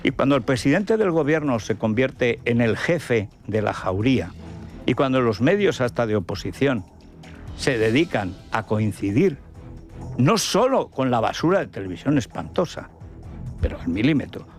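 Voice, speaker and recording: A man's voice: medium pitch, very animated, moderate pace, faint music behind. A man hosting a radio opinion show, talking in a scornful, combative way with lots of rhetorical questions. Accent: Spain Spanish. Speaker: radio host. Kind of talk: opinion monologue.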